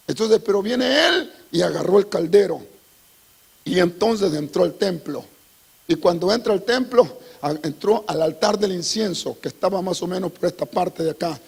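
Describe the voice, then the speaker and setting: Gravelly, husky-voiced male preacher. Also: high-pitched. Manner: preaches with sudden shouts and dramatic acted dialogue, often calling out "hermano". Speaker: pastor. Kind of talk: sermon. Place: church.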